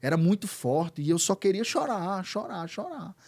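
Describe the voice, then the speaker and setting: A man's voice: sits high, animated, moderate pace, darkish tone. A man, a pastor, telling his testimony as an interview guest, earnest and repeating words for emphasis. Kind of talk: emotional testimony in conversation.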